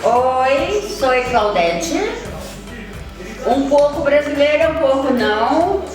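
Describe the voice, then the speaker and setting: A woman's voice: sits high, animated, slow pace. A blunt, outspoken woman in her forties chatting casually among friends. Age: 40s. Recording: echoey room, far from mic, loud music.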